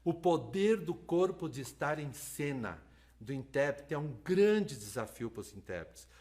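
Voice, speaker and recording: A man giving a lively live online lecture on interpreting, talking fast and checking in with his listeners. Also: a little high. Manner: lively, talks fast, asks "né?" and "tá?". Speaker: lecturer on sign language interpreting.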